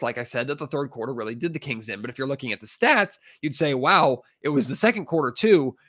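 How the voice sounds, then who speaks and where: A man's voice: fairly high pitch, fairly bright tone. A man with a stuffy, congested cold, hosting a sports podcast in an emphatic, frustrated way with plenty of fillers. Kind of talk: casual sports podcast commentary.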